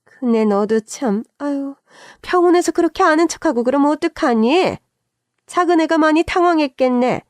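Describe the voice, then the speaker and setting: A woman's voice: sits high, expressive, normal speed, a little mellow, no room sound, studio quality, voice pushed up. A woman playing a stern older mother-in-law. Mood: stern lecturing. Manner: bossy, lecturing. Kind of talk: dramatized radio story acting.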